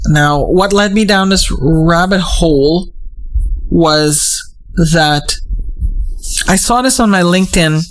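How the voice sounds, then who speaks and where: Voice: mid-range voice, slow pace, pauses often, poor audio. A host from Trinidad and Tobago giving a casual explainer monologue, meandering and digressive as they think aloud.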